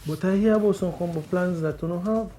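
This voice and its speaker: A low-voiced woman with a mellow tone plays a customer in a scripted ad. She asks plain, enquiring questions. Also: fast. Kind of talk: scripted ad dialogue.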